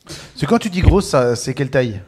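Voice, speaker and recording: A man's voice: medium pitch, big pitch swings, a little fast, noisy background. A man chatting casually as a player in a tabletop role-playing game.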